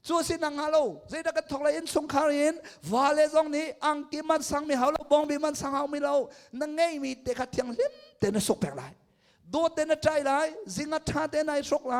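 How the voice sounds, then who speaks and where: A man, a pastor, preaching a sermon at a crusade and swinging between loud and hushed delivery. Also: extremely high pitch.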